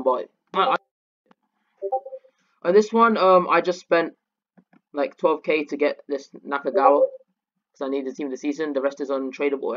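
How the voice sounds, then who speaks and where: A man giving casual, chatty commentary while opening game packs, often restarting his sentences. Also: fairly high pitch. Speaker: gaming channel co-host. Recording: dull lo-fi sound.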